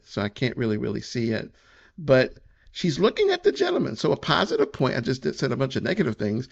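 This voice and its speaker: A man's voice: mid-range voice, creaky, lo-fi sound. A man giving casual reaction commentary, opinionated and repeating his points.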